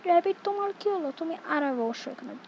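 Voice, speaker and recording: A woman's voice: extremely high pitch, lively intonation, fairly quick, darkish tone, slight background noise, rough recording. A young woman from Bangladesh giving casual, jumpy commentary while playing a horror game and talking back to the game. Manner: jumpy, chatty, scolds the game baby. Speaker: gaming streamer.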